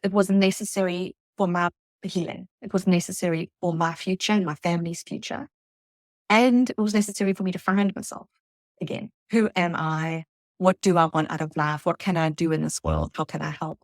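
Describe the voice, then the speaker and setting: A middle-aged woman from South Africa, a guest telling her story in an earnest, reflective way, halting at times. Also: fairly low pitch, steady tone, no echo, studio quality. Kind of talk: emotional personal interview.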